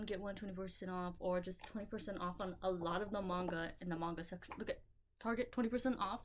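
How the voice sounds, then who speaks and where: A young woman in her late teens chats to the camera in a casual, rambling way, getting excited and swearing without a second thought. Her voice sits at an ordinary middle pitch. There is faint hiss on the recording. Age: young adult. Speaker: vlogger showing her manga collection. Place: bedroom.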